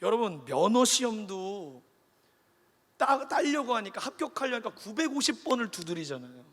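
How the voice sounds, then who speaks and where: A man preaching a sermon as pastor, animated, acting out the people in his story. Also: sits high, normal speed. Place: large church hall. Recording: long reverb of a church hall.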